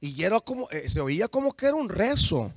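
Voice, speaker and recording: A middle-aged Salvadoran man preaching a fervent sermon, speaking straight to his congregation and rising into shouts. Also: high-pitched, very animated, fairly quick, dry recording, studio quality. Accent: Salvadoran Spanish.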